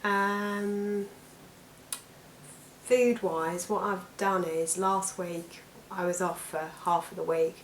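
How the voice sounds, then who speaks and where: A British woman with a croaky, allergy-affected voice, chatting casually to camera as a weight loss vlogger. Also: fairly low pitch, fairly even intonation, slow. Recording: echoey room with background noise.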